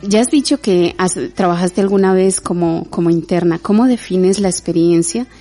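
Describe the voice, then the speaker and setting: A Latin American woman interviewing a guest, asking measured, empathetic questions. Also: fairly low pitch, warm tone, soft background music. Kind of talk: conversational interview.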